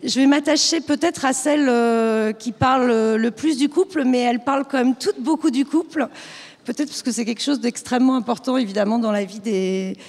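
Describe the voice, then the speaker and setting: Enthusiastic woman bookseller, high voice, long hall reverb. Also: normal speed, a little mellow. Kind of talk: book presentation at a panel.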